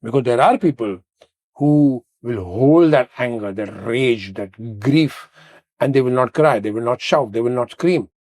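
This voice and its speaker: Man, mid-pitched voice, earnest and emphatic host, dry close recording. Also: lively intonation, unhurried, darkish tone, no room sound. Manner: earnest, emphatic, speaks in rhetorical questions. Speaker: podcast host. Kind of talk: casual conversation, explaining ideas.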